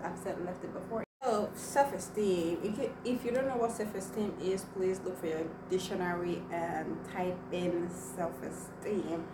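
This young woman, a vlogger and native Igbo speaker, chats with viewers while recounting a personal story full of fillers. Her voice is on the low side and a little slow, and she hardly pauses. It's recorded noisily in an echoey room with the mic far away.

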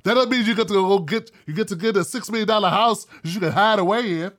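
A man with a fairly high-pitched voice delivers a blunt, heated opinion monologue. He rants in casual, profane talk and mocks others in quick put-on voices. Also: fairly bright tone. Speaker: commentary show host.

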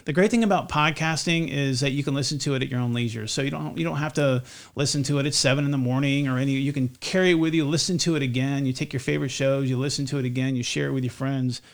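A man's voice: mid-range voice, fairly even intonation, quick pace, creaky. A man co-hosting a faith-based podcast, with a slight lisp, talking casually with many restarts and jokes. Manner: rambling, self-correcting, joking. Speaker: podcast co-host.

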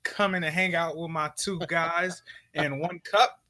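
A man's voice: a little high, fairly even intonation, a little slow, sharp tone. A young man guesting on a casual podcast, talking with joking, boastful swagger. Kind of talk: casual chat.

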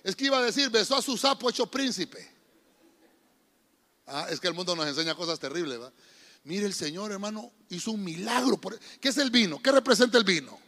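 A man's voice: high-pitched, animated, fairly quick, sharp tone. A man preaching as pastor to his church, emphatic and calling on the congregation to repeat phrases back to him. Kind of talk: sermon. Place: church hall. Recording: long church reverb.

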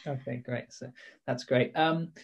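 A man's voice: medium pitch, fairly even intonation, unhurried, husky, dull audio. Man interviewing, tentative and informal. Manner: tentative, rephrasing questions.

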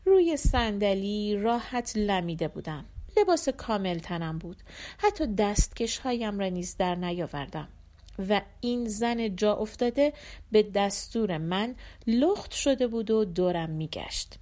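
A woman with a mid-range voice narrates a translated short story as an audiobook narrator, in a measured, even storytelling style of scripted literary narration.

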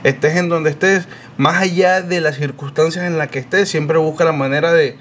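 Man, podcast host, casual chat, somewhat high voice, faint background noise. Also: moderate pace. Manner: animated, rambling, self-correcting.

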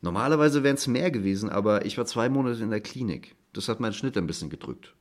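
A man reading aloud who voices a frank, provocative young woman on a date, speaking higher and bluntly. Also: lively intonation, fast talker, natural voice. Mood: boastful. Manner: blunt, teasing, raised voice.

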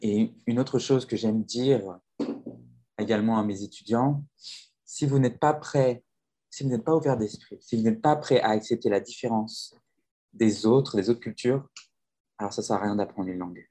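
A man's voice: fairly low pitch, normal speed, mellow. A man who teaches languages, talking earnestly in a casual conversation, with many restarts and fillers. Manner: earnest, reflective.

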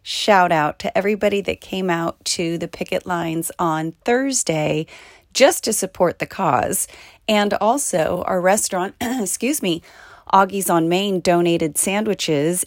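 A woman's voice: on the low side, measured pace, dry recording, studio quality. A middle-aged or older American woman hosting a casual, encouraging solo podcast, with slightly muffled sound from recording in a closet. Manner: encouraging, heartfelt. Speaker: podcast host, working actor. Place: small clothes closet at home, indoors.

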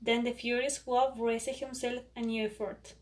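A woman reading a children's story aloud in a plain, even way, recorded from some distance. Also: a little high, normal speed. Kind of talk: storybook narration. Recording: distant from the mic.

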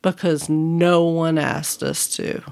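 A woman's voice: deep voice, flat delivery, takes it slowly, gravelly, a little mellow. A woman co-hosting a podcast in a casual, conversational way. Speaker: podcast co-host.

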